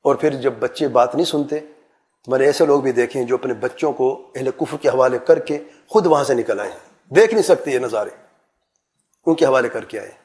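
A man's voice: mid-range voice, darkish tone. A middle-aged man preaching a sermon, giving earnest advice with rhetorical questions and repeated lists. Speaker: Islamic preacher.

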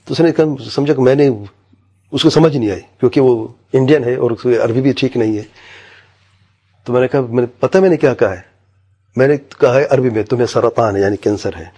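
A man preaching in a storytelling way, retelling anecdotes through quoted dialogue and sometimes dropping into low, quiet asides. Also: breathy edge. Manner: mixes English medical terms into his speech. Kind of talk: sermon storytelling.

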